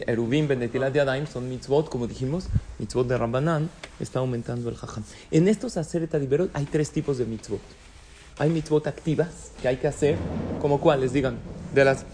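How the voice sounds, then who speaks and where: A man's voice: on the high side, a little mellow, a little hiss or hum. A man teaching a casual religious class, asking students questions and joking with them. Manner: conversational, asks students questions and jokes. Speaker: Torah teacher.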